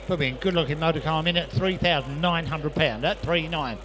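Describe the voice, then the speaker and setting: Man, live auctioneer, repetitive bid-calling patter, fairly high voice, some background noise. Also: brisk. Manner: repetitive patter of prices and bids. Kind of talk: live auction chant, rapid repeated bid calls. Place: busy auction sale room.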